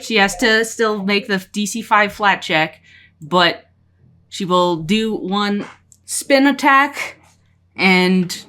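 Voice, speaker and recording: A woman narrating a tabletop game as game master, describing the action in a halting way with many restarts. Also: medium pitch, a bit bright.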